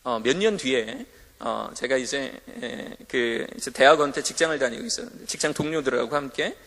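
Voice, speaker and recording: A man's voice: medium pitch, expressive, moderate pace, vocal fry, a bit bright. A man preaching a sermon to students in a school chapel, telling stories with animation and acting out the voices he quotes. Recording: hall reverb.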